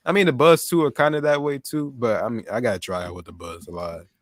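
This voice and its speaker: A man's voice: mid-range voice, quick pace, dry recording, studio quality. A young man hosting a casual tech livestream, talking in a laid-back, rambling way with restarts. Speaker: livestream host. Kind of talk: casual chat.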